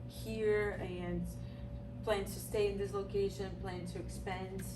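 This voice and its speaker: A woman's voice: mid-range voice, little pitch movement, over music. A woman hosts a casual interview, chatty and encouraging, and keeps the talk moving with short questions. She sits away from the mic. The room around her is echoey. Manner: chatty, encouraging, quick affirmations. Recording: roomy, distant mic.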